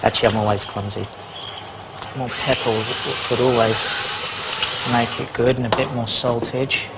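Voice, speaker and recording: In a home kitchen, a man with a steady, mid-range voice talks casually and cheerfully to the camera at a moderate pace, slightly out of breath. A reality show participant, he's chatty and upbeat, joking at his own expense, on a noisy home recording.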